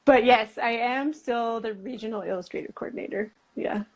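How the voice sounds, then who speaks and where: A woman's voice on the high side, moderate in pace, comes through over crowd noise. The Utah native, an illustrator and writer, is a guest in a casual conversation, where she rambles chattily and says "like" often.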